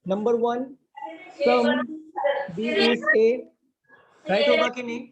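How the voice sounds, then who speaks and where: A man's voice: very high-pitched, fairly even intonation, very slow, a loud crowd. A man teaching a reasoning class in a live online lecture. He explains step by step, keeps quizzing his students, and mixes English terms into Hindi. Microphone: online lecture stream. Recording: dull lo-fi audio with faint noise.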